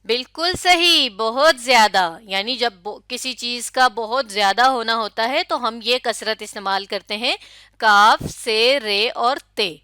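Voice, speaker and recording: Bright clear-voiced woman teaching a lesson. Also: a little high, no echo, studio quality. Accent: Pakistani Urdu. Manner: asks questions then confirms answers, spells words letter by letter. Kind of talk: classroom lecture.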